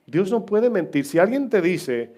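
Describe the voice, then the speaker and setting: A man's voice: sits high, very animated, unhurried, darkish tone. A middle-aged man preaching as pastor, chatting with his congregation with humor and questions. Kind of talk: sermon. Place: church.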